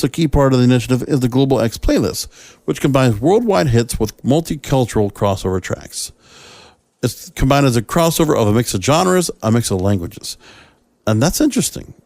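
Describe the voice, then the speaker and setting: This podcast host talks alone in a mid-range, slightly mellow voice, offering casual opinions on entertainment news, posing rhetorical questions and rephrasing himself mid-sentence. The recording is clean studio sound without echo.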